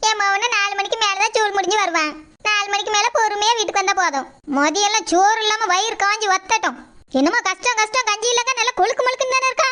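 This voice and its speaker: Woman as a grumbling, sarcastic daughter-in-law, very high and bright voice, comic skit. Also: fast. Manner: grumbling, scheming, sarcastic muttering. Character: scheming, grumbling young daughter-in-law and mother.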